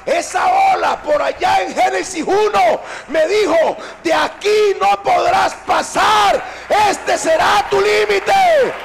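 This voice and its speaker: A man voicing the sea as a living character in a sermon, declaiming loudly. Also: very high voice, animated, slow pace, creaky, hardly any pauses, a faint crowd, a little hiss or hum, voice pushed up, exaggerated voice. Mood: booming. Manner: loud, declaiming. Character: the sea, proud and booming, then humbled.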